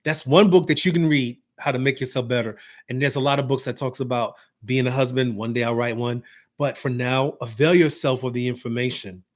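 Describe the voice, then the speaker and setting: A man giving casual, motivational marriage advice, acting out bits of dialogue and dropping to a calm, soft tone for examples. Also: medium pitch, brisk. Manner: animated, acts out dialogue, drops to calm soft tones for examples.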